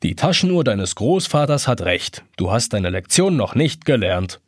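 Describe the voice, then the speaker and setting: A man voicing a sad old male hourglass, with a hollow voice and a slow, reproachful, gentle way of talking. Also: mid-range voice, big pitch swings, slightly rough, no room sound, studio quality. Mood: stern.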